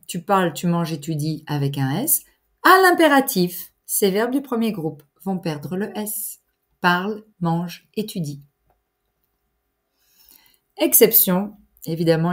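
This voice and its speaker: Woman, unhurried language teacher, precise diction. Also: fairly low pitch. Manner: deliberate, articulated teacher's delivery with pauses for exercises. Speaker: French teacher. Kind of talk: slow, clear grammar lesson.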